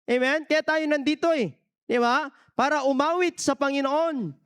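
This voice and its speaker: A man's voice: very high-pitched, fairly even intonation, normal speed. A man from the Philippines preaching a sermon as pastor, mixing English phrases into his talk and often asking the congregation to answer back. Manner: peppers every point with questions to the congregation.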